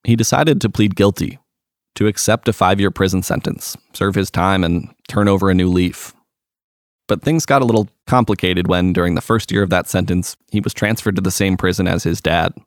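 A male reporter giving scripted narration in a measured, even way. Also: deep voice, dry recording, studio quality.

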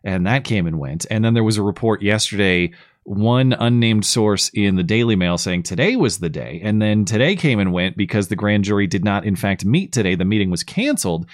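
Man, co-host, slightly hoarse, wry and rambling, lowish voice, dry close studio sound. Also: animated, brisk, no echo. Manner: wry, rambling delivery with many restarts. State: losing his voice. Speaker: call-in show co-host. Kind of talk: casual live show chat.

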